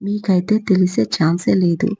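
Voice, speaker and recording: A scolding middle-aged mother, sharp-tongued and close to tears, read by a woman telling a story. The voice is husky and dark with a gravelly edge. The recording sounds muffled and lo-fi. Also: lowish voice, steady tone, normal speed, heavily acted. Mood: tearful. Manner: scolding, tearful.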